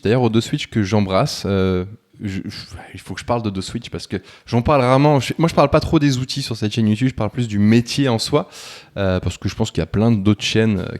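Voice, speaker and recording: A man with a fairly low voice chats casually through a screen-share tutorial. He rambles in an informal way, fills gaps with hesitations and restarts his sentences, and talks to viewers as if they were friends. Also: darkish tone. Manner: chatty, informal, full of fillers and restarts. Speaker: YouTuber teaching web freelancing.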